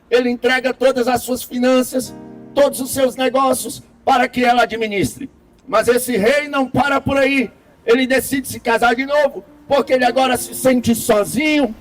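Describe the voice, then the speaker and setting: A man telling a parable in slow, dramatic phrases with deliberate pauses. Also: very high-pitched. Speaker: storyteller. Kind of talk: storytelling a parable.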